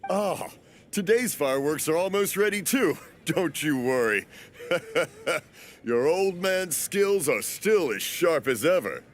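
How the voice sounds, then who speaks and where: A man's voice: a little high, expressive, slow pace, a little hiss or hum. An actor playing a cheerful, muddled, hard-of-hearing old father in a video game. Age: older. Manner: genial, muddled, mishearing.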